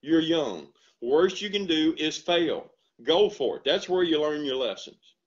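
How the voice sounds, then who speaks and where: An older Southern man, a dairy farmer who also owns an ice cream shop, tells folksy stories with animated, earnest energy during a casual video-call interview from a home room lined with bookshelves. His voice is a little high and unhurried, and the headset audio sounds slightly dull and lo-fi.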